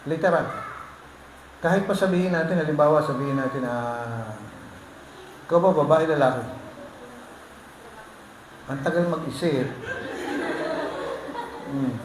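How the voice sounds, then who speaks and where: A man's voice: on the high side, takes it slowly, pauses often. Joking man preaching in an echoey hall. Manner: joking, teasing the congregation. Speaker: pastor. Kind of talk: sermon. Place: church hall. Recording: echoey hall with faint noise.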